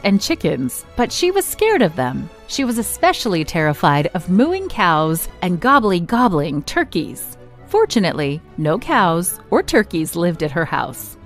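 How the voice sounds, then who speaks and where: A woman reading a children's story aloud at church, expressive and swooping up and down for emphasis. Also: medium pitch.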